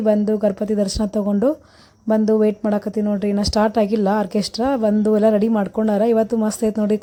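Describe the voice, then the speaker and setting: A woman's voice: mid-range voice, dark tone. A woman vlogger with a North Karnataka Kannada accent, narrating casually to her viewers at a neighbourhood festival. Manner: chatty, keeps saying "nodri" to viewers.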